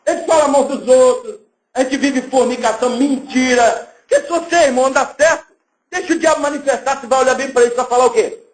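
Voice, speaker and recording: A man with a Brazilian accent preaching a lively sermon as pastor, acting out little scenes. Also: very high voice, quick pace, reverberant, rough recording. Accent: Brazilian Portuguese.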